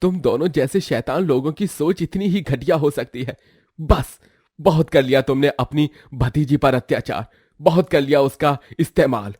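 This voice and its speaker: A man's voice: on the high side, moderate pace, darkish tone, husky, dry recording, studio quality. A man voicing a brave young man in his twenties who speaks firmly and earnestly. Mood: protective. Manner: firm and earnest.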